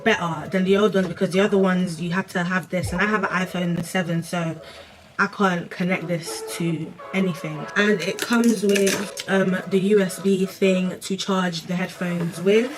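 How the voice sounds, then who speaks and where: A woman's voice: on the low side, steady tone, normal speed. A woman vlogger speaking with a lisp from a new piercing, chatting bluntly and casually while unboxing, with some swearing. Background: music.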